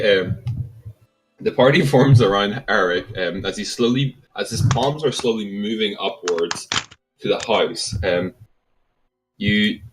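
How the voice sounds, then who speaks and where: Low-voiced man running a tabletop game. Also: a little hiss or hum, poor audio. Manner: hesitant, many ums, laughs easily. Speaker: game master. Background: faint background music.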